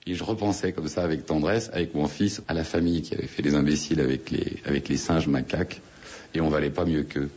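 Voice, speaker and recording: A man telling a relaxed anecdote as a radio interviewee, chatty, with hesitant fillers and restarts. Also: rumbling low, fast talker, slightly rough. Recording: dull lo-fi radio sound.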